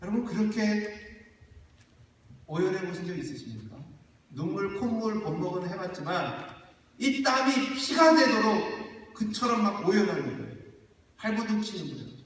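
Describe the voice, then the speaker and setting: A middle-aged man preaching a sermon as pastor, putting questions to the congregation and swinging from loud cries to quiet, earnest talk. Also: high-pitched, sing-song, moderate pace, long pauses. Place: church sanctuary. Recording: echoey church hall from far off.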